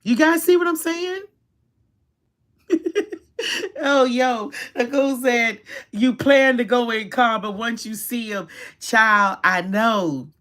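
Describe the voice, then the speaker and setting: Lively preachy woman giving relationship advice. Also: a little high, a little slow. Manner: animated, preachy, acts out scenes in quoted voices. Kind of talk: casual advice talk to viewers.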